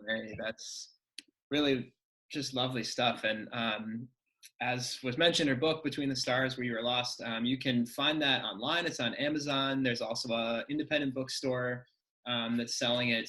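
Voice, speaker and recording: A man hosting a poetry open mic casually, in halting phrases with many pauses. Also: mid-range voice, bright, forceful tone, rough recording.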